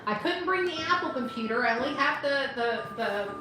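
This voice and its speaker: A woman hosts a casual livestream from a hotel, rambling informally with exasperated asides. Her high-sitting voice is expressive and brisk, heard away from the mic in a very echoey room with music behind.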